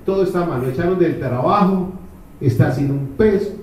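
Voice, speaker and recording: A man's voice: on the high side, moderate pace, darkish tone, a little hiss or hum. A man preaching a fervent sermon, firing off rhetorical questions to the congregation. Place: church hall. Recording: echoey hall, distant mic.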